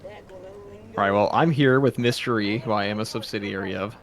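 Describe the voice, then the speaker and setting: A man's voice: lowish voice, fairly quick, gravelly. A man in casual, joking banter with a friend while they play a game together. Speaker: gaming buddy. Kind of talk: casual chat while gaming.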